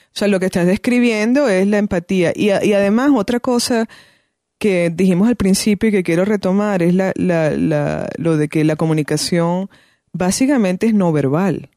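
A woman's voice: medium pitch, moderate pace, warm tone, no room sound, studio quality. A woman speaking as a guest on parenting, thoughtful and conversational, often restarting her phrases. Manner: thoughtful, many restarts and fillers. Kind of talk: conversational advice.

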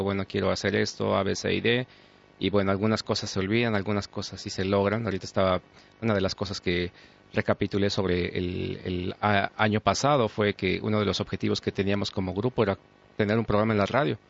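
Guy on radio, low gravelly flat voice, hesitant, muffled. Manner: measured, hesitant, many restarts. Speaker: radio co-host. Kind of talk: casual radio chat. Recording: dull lo-fi radio sound.

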